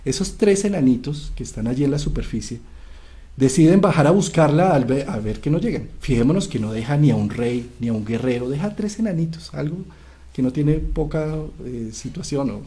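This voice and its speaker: A man, a psychiatrist, explaining a myth in an animated storytelling way, often checking in with his listener. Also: mid-range voice, brisk. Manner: animated retelling, frequent "¿sí?" checks. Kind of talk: lecture-style storytelling.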